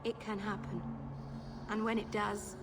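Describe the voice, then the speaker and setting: A woman's voice: medium pitch, level tone, unhurried, background noise, close to an everyday voice. An actress playing a shy, earnest young elf woman, a mage who speaks hesitantly and apologetically in video game dialogue. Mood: solemn, earnest.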